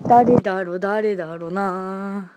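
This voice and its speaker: A woman hosting a casual livestream and chatting to her viewers over a phone mic, playful and giggly, slipping into dialect and rough slang. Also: medium pitch, takes it slowly, very noisy. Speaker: livestream host. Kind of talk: casual livestream chat reading viewer comments.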